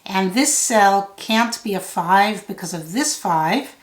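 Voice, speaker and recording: Slow-paced woman thinking out loud, roomy sound. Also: mid-range voice, animated. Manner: thinking out loud step by step, measured. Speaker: puzzle tutor. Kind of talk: solve-along tutorial, thinking out loud.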